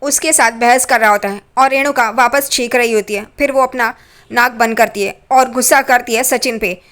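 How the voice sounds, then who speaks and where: Woman narrator, high voice, casual running recap with asides. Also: fairly even intonation, normal speed, a bit bright.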